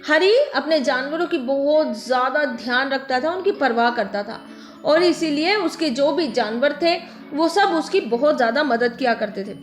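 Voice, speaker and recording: A woman teacher reading a story and teaching letter sounds to young children, speaking slowly and patiently, repeating words and asking questions back. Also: high voice. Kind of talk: phonics lesson for young children. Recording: echoey room, faint music.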